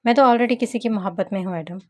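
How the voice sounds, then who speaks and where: A grieving young woman speaks calmly, guarded and resigned, as a woman reading the story voices her. Her tone stays level and composed. The pitch sits at an ordinary middle height. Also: fast talker, natural voice. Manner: calm, resigned.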